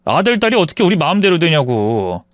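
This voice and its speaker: A man's voice: fairly high pitch, sing-song, a little fast, dry recording, studio quality. Man playing a firm protective young husband. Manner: firm, exasperated pleading. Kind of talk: storybook voice acting.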